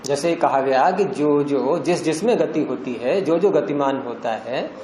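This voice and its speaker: A man's voice: a little high, animated, darkish tone. Older man lecturing in an echoey classroom. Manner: questioning students, drawn-out explanations. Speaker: teacher. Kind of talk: classroom lecture on Indian philosophy and grammar. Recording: echoey classroom with faint background noise.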